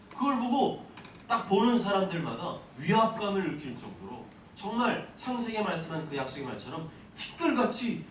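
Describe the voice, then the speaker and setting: Animated Korean pastor preaching in a roomy church. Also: male voice, fairly high pitch, distant mic, slight background noise. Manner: animated preaching, swinging from soft asides to loud emphatic declarations. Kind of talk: expository sermon. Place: church sanctuary.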